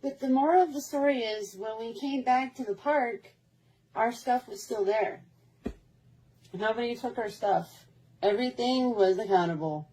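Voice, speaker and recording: Brief: woman, mellow and warm, chatty storyteller who loops back on herself. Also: a little high, normal speed, rough recording. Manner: rambling, repetitive, with many restarts. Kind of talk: casual storytelling.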